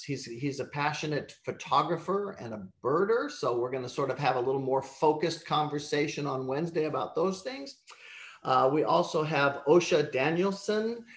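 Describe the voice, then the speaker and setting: A man hosting a live online chat, relaxed and full of little fillers. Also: a little high, reverberant. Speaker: host.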